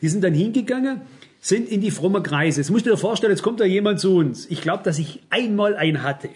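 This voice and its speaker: A man's voice: high-pitched, expressive, brisk, darkish tone. A middle-aged man preaching a sermon, emphatic and speaking straight to the congregation with rhetorical questions.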